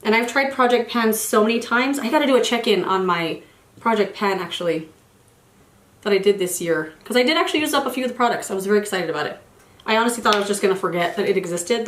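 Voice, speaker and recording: Her fairly high, somewhat bright voice carries a roomy sound with a faint hiss or hum. An American woman in her forties and a beauty vlogger, she rambles through a casual get-ready-with-me chat while doing her makeup, restarting sentences and sounding slightly congested after a cold.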